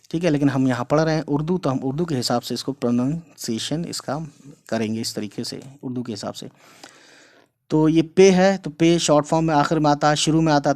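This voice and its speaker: A man's voice: on the high side, darkish tone. A man teaching an Urdu lesson online, explaining patiently and repeatedly, checking in with viewers and calling them guys. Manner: addresses viewers casually as guys.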